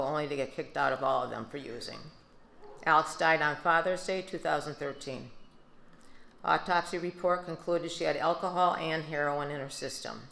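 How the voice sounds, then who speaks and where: An older woman with a Midwestern American accent, giving a steady, subdued prepared speech at a podium into a handheld mic. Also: deep voice, a little hiss or hum. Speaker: grieving mother giving a speech. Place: large banquet hall. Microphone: handheld microphone. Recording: echoey banquet hall.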